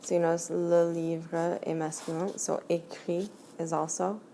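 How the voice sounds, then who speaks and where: A woman teacher explaining grammar in a screencast lesson, slow and deliberate as she writes out examples. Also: on the low side, flat delivery, warm tone, a little hiss or hum. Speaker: French teacher.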